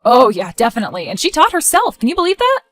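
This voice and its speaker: A woman playing a skeptical, sharp-tongued adult daughter in scripted story dialogue, expressive and conversational. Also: sits high, fast talker, exaggerated voice. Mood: chatty, confiding.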